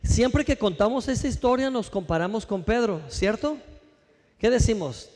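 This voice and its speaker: High-voiced preacher in a reverberant hall. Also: male voice, moderate pace. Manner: lively preaching, rhetorical questions, calls for congregation response. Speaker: pastor. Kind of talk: sermon. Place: church.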